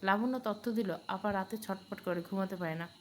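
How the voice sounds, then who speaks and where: A woman reads a romance novel aloud as a steady storyteller, her voice sitting at a middle pitch. She slows and stresses her delivery when she speaks the characters' lines. A faint ambient hum runs under the recording. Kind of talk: scripted narration of a romance novel with voiced dialogue.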